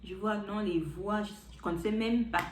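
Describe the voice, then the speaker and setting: A woman's voice: medium pitch, fairly even intonation, moderate pace. A young woman from Gabon, chatting casually as a vlogger and telling a story. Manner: chatty, repeats fillers like "donc, du coup" and "et tout". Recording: roomy sound with faint background noise.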